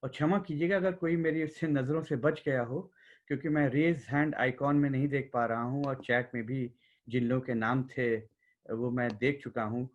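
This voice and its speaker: A man's voice: mid-range voice, steady tone, muffled recording. Courteous man hosting a memorial call. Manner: measured and courteous, with hesitations. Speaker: host of an online memorial meeting. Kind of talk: formal memorial moderation. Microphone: video call.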